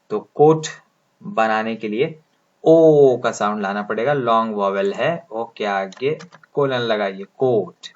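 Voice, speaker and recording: A man teaching English pronunciation, explaining step by step and drawing out each sound as he writes it. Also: mid-range voice. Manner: slow, deliberate, drawing out sounds as he writes symbols. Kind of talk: explaining lesson, speaking Hindi. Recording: dull lo-fi sound.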